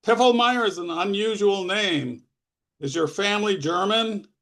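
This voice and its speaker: A man's voice: high voice, a little slow, a bit bright, pitched above the performer's own voice. A man voicing a curious, blunt young woman who asks pointed personal questions. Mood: inquisitive. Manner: inquisitive, mildly annoyed.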